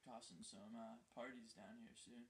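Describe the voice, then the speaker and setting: Junger Mann spielt einen lässigen Angeber mit Neuengland-Akzent. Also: male voice, lowish voice, fairly even intonation, moderate pace, creaky, husky, full character voice. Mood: smug, rambling. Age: young adult. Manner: laid-back, rambling, proud, says "wicked convenient" over and over. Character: boastful young male slacker, clueless and upbeat. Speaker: boastful slacker showing off his basement. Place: cluttered home basement. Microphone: handheld phone camera held by the other man.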